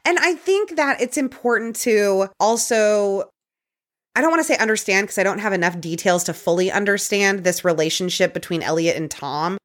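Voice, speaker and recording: A woman hosting a podcast, casually recounting a true-crime case with quick conversational asides. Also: medium pitch, animated. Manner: conversational, quick asides, occasional put-on quotes. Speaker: podcast host telling a case.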